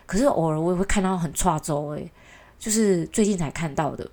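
A woman from Taiwan talks in a fairly low voice with a Taiwanese Mandarin accent. She tells her story as a casual, chatty rant. Her tone is exasperated, and she keeps adding mocking asides. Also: brisk, warm tone. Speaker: vlogger.

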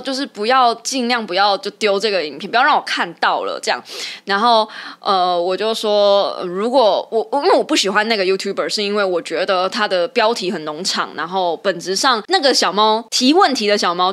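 A woman podcast host, telling a story in casual chat and often rising high with excitement. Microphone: studio podcast mic.

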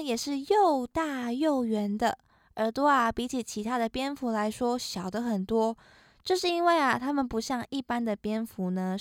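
A woman with a Taiwanese Mandarin accent presents an animal lesson in a friendly, explanatory way, addressing listeners directly with soft sentence-ending particles. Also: a little high, no room sound, studio quality. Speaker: host of a children's animal education show. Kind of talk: friendly explanatory nature narration with spoken asides.

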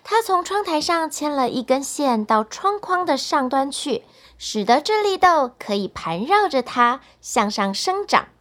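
A woman storyteller narrating a bedtime story for children, speaking to them directly in an animated way. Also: high-pitched, measured pace.

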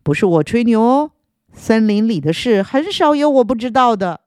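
A woman voicing a wise, slightly boastful old male owl with a raspy voice. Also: on the high side, expressive, moderate pace, a little mellow, no room sound, studio quality, close to an everyday voice. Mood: kindly knowing.

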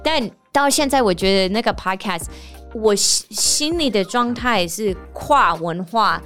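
Animated woman with a lively pitch. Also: a little slow, faint music behind. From United States. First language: English. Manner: animated storytelling, laughs often. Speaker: podcast host; teacher and performer. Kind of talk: casual podcast monologue.

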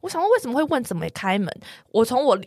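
A young woman in her twenties co-hosting a casual podcast, her voice a touch high. She rattles through a personal story at a quick clip, acting out sounds and quoted lines with lively flair. The sound is close and dry. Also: slightly rough, dry recording. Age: 20s. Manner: animated storyteller who acts out knocks and quoted lines. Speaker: podcast co-host.

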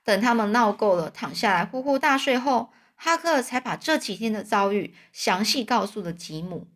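A woman's voice: on the high side, expressive, normal speed. A woman telling a serialized story in a chatty way, drawing out particles at the end of phrases.

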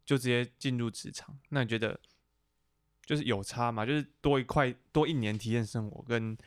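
A young man from Taiwan hosting a casual podcast chat, teasing his guest with quick probing questions. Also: mid-range voice, clear, resonant tone, no room sound. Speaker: podcast host.

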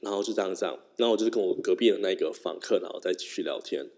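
A man's voice: sits low, rapid-fire. A man telling a personal story casually, rambling and correcting himself as he goes. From Taiwan. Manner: rambling, self-correcting, animated. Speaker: YouTuber. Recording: long reverb.

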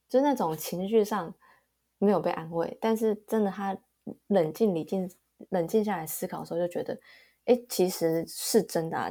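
A young woman, co-hosting a casual podcast and telling stories calmly, laughing easily. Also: fairly low pitch, slightly rough. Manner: calm, laughs easily, storytelling. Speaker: podcast co-host. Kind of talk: casual chat.

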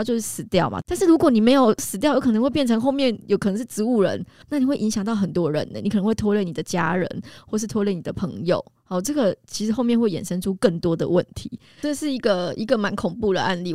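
Chatty woman with lively pitch. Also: no room sound, clean studio sound. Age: 40s. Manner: conversational, many drawn-out sentence particles. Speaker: nutritionist host. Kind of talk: chatty health talk with personal stories.

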